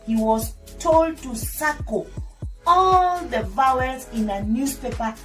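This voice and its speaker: With a high voice and a slow pace, a woman reads a children's story aloud in a teacherly, didactic way, repeating and explaining points for young listeners. Music plays behind her, and the microphone is distant.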